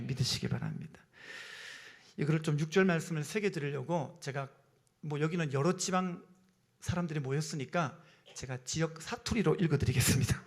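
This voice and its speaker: A man preaching a sermon as pastor in a church, emphatic and calling out to the congregation for responses. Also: fairly high pitch. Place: church sanctuary.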